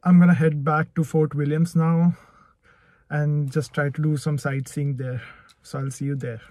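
A man's voice: fairly high pitch, dark tone, no room sound. A man in his twenties vlogging his travels, talking straight to his viewers with eager enthusiasm. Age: 20s. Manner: enthusiastic, talks directly to viewers. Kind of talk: casual travel vlog to camera. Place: outdoors and in a rented cottage while travelling.

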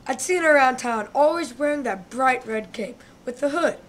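A woman's voice: sits high, expressive, normal speed. A woman voicing a male big bad wolf in a comic radio play, telling his side of the story with indignant self-pity. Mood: aggrieved. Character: male big bad wolf, aggrieved smooth-talking hustler.

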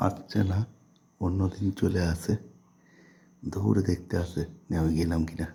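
A man in a home pet vlog, switching between sing-song baby talk to his cat and hushed asides to viewers. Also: low voice, fairly even intonation, measured pace, gravelly. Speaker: pet vlogger. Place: home indoors.

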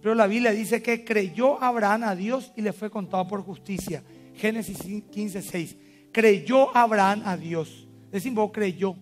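A male pastor with a Paraguayan Spanish accent preaching a sermon, swinging between loud emphatic cries and low quiet asides. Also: unhurried. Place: church. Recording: church service broadcast with faint music.

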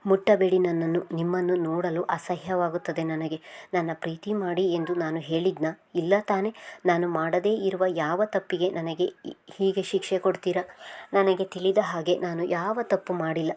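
A woman's voice: on the low side, little pitch movement, moderate pace, darkish tone, close to an everyday voice. Woman voicing a defiant young woman refusing love. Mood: bitter. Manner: firm, reproachful.

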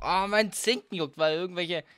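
A man commenting on his own gameplay with loud, crude outbursts and jokes. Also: high voice, moderate pace, a little hiss or hum. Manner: loud, swearing, explosive outbursts. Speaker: let's play gamer. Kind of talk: let's play commentary.

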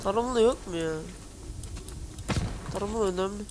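A woman talks through her gameplay in a casual, muttering way. She swears often and yelps now and then. Clear game sounds play under her voice. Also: mid-range voice, measured pace, background noise. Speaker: gamer. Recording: game sounds loud behind the voice.

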